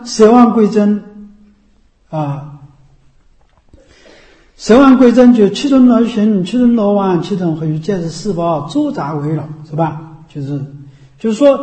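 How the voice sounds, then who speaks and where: A man gives a dharma talk as a Buddhist teacher, repeating his explanations and checking in with listeners again and again. His voice sits high and sounds mellow and animated at normal speed. The room is echoey.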